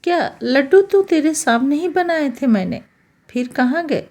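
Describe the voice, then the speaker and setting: Bossy scolding mother-in-law, narrator lady doing her, slow and high pitched. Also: lively intonation, darkish tone. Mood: upset. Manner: scolding, commanding.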